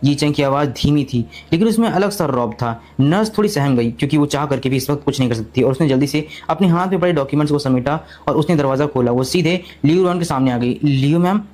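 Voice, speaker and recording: A man narrating a storybook recap in rapid, continuous storytelling with frequent restarts. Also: on the high side, darkish tone.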